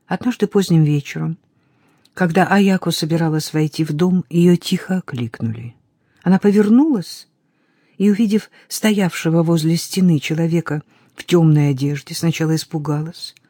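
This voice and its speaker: A narrator reads a historical novel in a calm, measured way and drops to a hush at the tense moments. The voice is husky and mellow. The recording is dry and close, with no room sound. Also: medium pitch, no echo. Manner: calm, measured storytelling with hushed dips. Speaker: audiobook narrator. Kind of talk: scripted audiobook narration.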